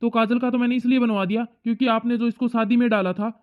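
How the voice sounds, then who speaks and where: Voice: medium pitch, fairly even intonation, quick pace, lightly acted. An actor voicing a young son, tinny sound. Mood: arguing. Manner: pleading, arguing back. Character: young working man, the son, reasonable but stubborn. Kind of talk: cartoon moral story dubbing.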